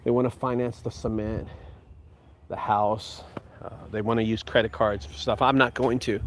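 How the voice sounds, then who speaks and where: A man's voice: on the low side, normal speed, a little hiss or hum. A man in his forties, a business owner, chatting casually while showing his land outdoors. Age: 40s. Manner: relaxed, chatty, says "dude". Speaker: junk removal business owner. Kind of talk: casual vlog walkthrough. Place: outdoors on an open rural property.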